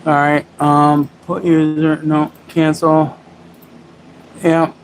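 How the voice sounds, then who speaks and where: A man with a slightly high voice talks through a casual live gadget demo. He rambles and corrects himself mid-sentence while chatting with his viewers. A faint hum of background noise sits under his voice. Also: flat delivery, slow pace, poor audio. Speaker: livestream host demoing gimbals.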